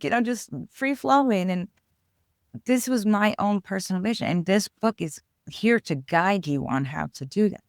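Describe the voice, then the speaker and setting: A woman's voice: medium pitch, creaky, dry recording, clean studio sound. A woman with a New York accent, an author talking earnestly as a guest about spiritual growth. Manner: earnest, flowing, explanatory. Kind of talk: spiritual interview talk.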